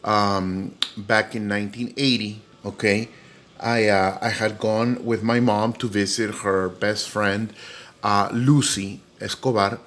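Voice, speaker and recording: A man's voice: fairly even intonation, slow pace, fairly bright tone. Middle-aged man rambling through a story. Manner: rambling, many fillers, acts out quoted voices in a high pitch. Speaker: doll collector vlogger. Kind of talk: casual storytelling vlog. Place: his home.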